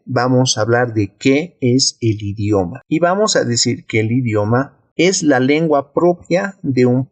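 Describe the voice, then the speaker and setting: A man's voice: mid-range voice, dry recording. A man with a Bolivian Spanish accent teaching a video lesson, explaining step by step and posing rhetorical questions. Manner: clear, steady, didactic delivery with rhetorical questions.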